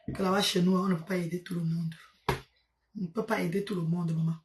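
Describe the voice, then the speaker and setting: A woman's voice: lowish voice, a little hiss or hum. Tired woman chatting on a live stream. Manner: affectionate, calls viewers maman and sister. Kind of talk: casual live-stream chat, greeting viewers.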